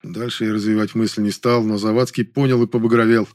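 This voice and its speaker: A man's voice: on the low side, little pitch movement, a little fast, darkish tone. A man reading a novel aloud in the first person, with a wry, dry delivery. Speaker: audiobook narrator.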